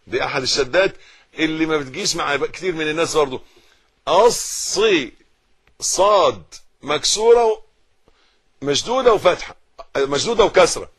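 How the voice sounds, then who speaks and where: Slow Egyptian man teaching recitation. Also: fairly high pitch, a bit bright, husky. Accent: Egyptian Arabic. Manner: corrects and repeats phrases, chanting the verses. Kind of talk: recitation lesson.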